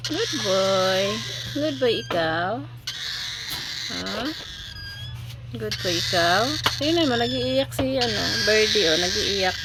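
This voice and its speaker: A woman casually narrating a home video of her pet birds, speaking softly and then calling to them in a high, sing-song coaxing voice. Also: expressive. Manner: slow, soft commentary turning into high sing-song coaxing toward pets. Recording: loud background noise.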